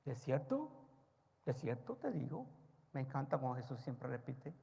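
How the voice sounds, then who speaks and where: A male pastor preaching a sermon, firing rhetorical questions at the congregation and swinging between loud, emphatic rises and soft, low asides. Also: very animated, normal speed, gravelly. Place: church sanctuary. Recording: long church-hall reverb.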